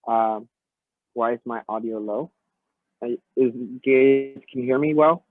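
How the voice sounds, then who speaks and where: A man's voice: mid-range voice, unhurried, dry recording. A male teacher leading an online class, politely taking feedback, his voice muffled as if heard through a wall. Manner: polite, thanks students for feedback. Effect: muffled, as if heard through a wall or underwater. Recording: muffled, phone-like computer mic audio.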